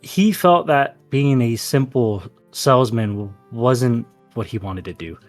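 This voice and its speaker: A man playing a tabletop game, describing his character's backstory in a relaxed, rambling way. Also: mid-range voice, measured pace, faint music behind. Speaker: player.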